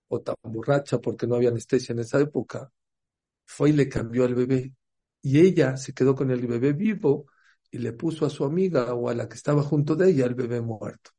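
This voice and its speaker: A man's voice: mid-range voice, mellow, breathy edge. A man gives a religious talk, telling stories, asking the listeners questions and acting out the characters' voices. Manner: storytelling, asks the audience questions. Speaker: religious teacher.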